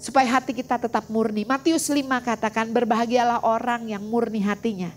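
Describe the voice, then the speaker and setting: A woman's voice: a little high, steady tone, brisk, slight background noise. A middle-aged woman pastor giving a testimony sermon, often calling out to the congregation and slipping in English phrases. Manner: personal testimony, often addressing listeners as saudara, mixing in English phrases. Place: church sanctuary. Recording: echoey church hall, voice from a distance.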